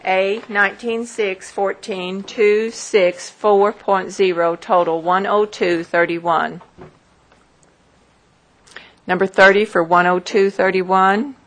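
Slow, methodical woman auctioneer. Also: medium pitch, fairly even intonation. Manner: measured, methodical, repetitive, number by number. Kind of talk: formal auction calling, reading out parcel numbers.

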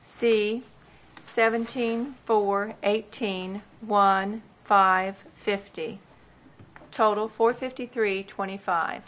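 A woman's voice: mid-range voice, steady tone, drawn-out words, fairly bright tone. A woman auctioneer formally reading out parcel numbers and bids at a tax sale in a plain, procedural way.

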